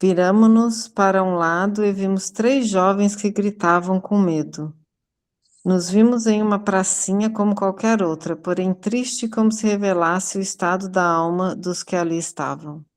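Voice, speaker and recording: A woman reading a spiritual story aloud to a study group, slowly and carefully, with small restarts. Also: mid-range voice, steady tone.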